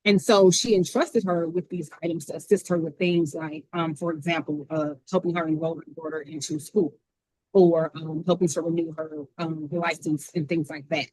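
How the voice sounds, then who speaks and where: A woman attorney arguing her side in a hearing over a video call, talking fast. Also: deep voice, fairly even intonation, darkish tone, no echo, low-quality recording. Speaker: defense attorney. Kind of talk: courtroom argument.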